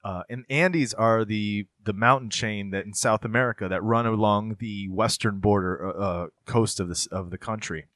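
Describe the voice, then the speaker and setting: A man in his thirties with a lowish voice, talking casually and wandering through long explanations. His voice is recorded very dry and close, with no room sound. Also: moderate pace, few pauses, a bit bright, dry recording. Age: 30s. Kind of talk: casual chat.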